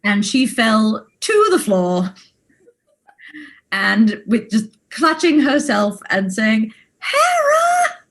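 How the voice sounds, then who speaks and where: A woman's voice: on the high side, big pitch swings, slow pace. Laughing storyteller woman, casual chat. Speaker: podcast co-host, stage actor.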